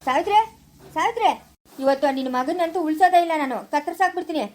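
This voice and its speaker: A woman playing a hot-tempered village elder in a family drama, threatening in rapid bursts. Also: very high voice, a little mellow. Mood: furious. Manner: furious, threatening, rapid-fire. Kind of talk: amateur village drama acting.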